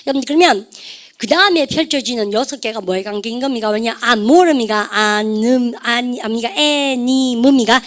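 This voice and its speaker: A woman teaching English vocabulary to a class, lively and chatty, often calling out to her students and drilling English words aloud. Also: a little high, brisk. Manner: lively, repeats "여러분들", asks the class questions; refers to herself as "쌤". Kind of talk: lecture to a class.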